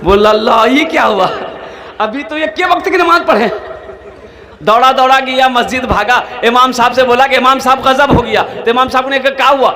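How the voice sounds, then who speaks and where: A male preacher telling humorous stories in a sermon, acting out the villagers' dialogue in lively voices. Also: extremely high pitch, moderate pace, echoey room. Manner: animated, acts out villagers in dialogue.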